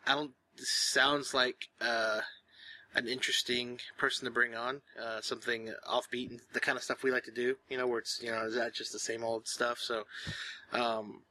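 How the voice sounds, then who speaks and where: Guy with a really bright sharp voice, podcast co-host just chatting, rambly, tons of uhs. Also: mid-range voice, flat delivery, moderate pace, no echo. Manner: rambling, full of fillers and self-corrections. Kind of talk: casual chat.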